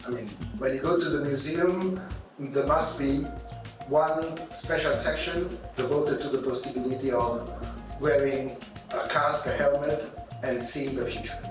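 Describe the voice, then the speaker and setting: A man's voice: medium pitch, unhurried, very echoey, recorded from a distance, over music, rough recording. A man making emphatic, explanatory remarks at a meeting.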